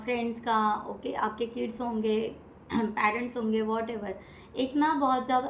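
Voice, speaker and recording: Woman, Indian accent, tarot reader, chatty, slightly high voice, roomy echo, faint hiss. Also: a bit bright. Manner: chatty, repetitive, lots of fillers and English words. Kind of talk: casual tarot reading. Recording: echoey room with faint noise.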